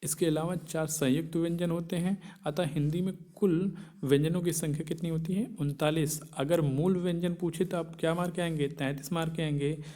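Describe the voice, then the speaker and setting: A man's voice: on the high side, fairly even intonation, normal speed, hardly any pauses, warm tone. Man teaching, asking and answering himself. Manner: asks questions and answers them himself; repeats key points for exam answers. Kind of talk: exam-prep grammar lesson.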